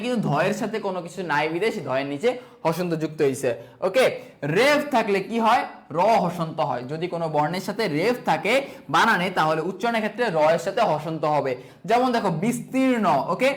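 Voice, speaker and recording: High-voiced young tutor. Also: male voice. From Bangladesh. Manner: asks and answers his own questions, repeating rules; sprinkles English fillers like "okay" and "so". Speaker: exam prep tutor. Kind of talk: online exam-prep class.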